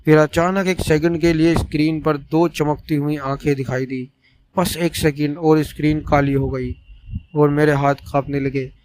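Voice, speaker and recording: Man, horror story narration, steady suspenseful first-person telling, slightly high pitch, dry close sound. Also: normal speed, no echo.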